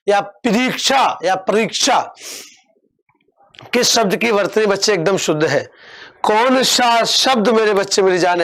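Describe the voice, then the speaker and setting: Young guy teaching an online exam class, highish voice, keeps coaxing the kids and repeating words slow. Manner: coaxing, repeats words slowly and calls students "bachche". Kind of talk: online exam-prep lesson.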